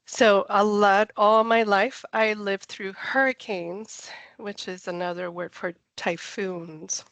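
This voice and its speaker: A woman's voice: mid-range voice, fairly even intonation, slow pace, fairly bright tone, dry recording. Upbeat chatty woman from puerto rico teaching science on a video call, dry sound. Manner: enthusiastic, chatty, laughs easily. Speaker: NASA project scientist presenter. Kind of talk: friendly online science talk.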